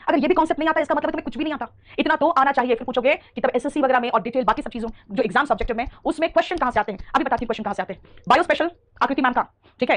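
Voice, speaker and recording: A woman teaching a live online English grammar class, who calls her students "beta" and keeps asking whether they have understood. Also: on the high side. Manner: addresses students as "beta", repeats questions to check understanding.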